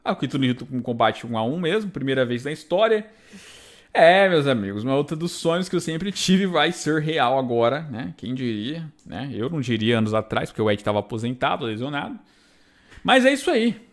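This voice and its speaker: A man's voice: medium pitch, sing-song, brisk. A Brazilian man casually recapping wrestling shows, chatty and full of rhetorical tag questions. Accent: Brazilian Portuguese. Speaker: wrestling YouTuber.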